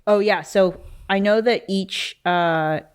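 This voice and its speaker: A woman's voice: medium pitch, takes it slowly, clean tone. A woman co-hosting a casual podcast, reading passages aloud from an astrology book and musing on them with lots of "um" and "like.". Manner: reads passages then muses on them, with many fillers like "um" and "like". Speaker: podcast co-host.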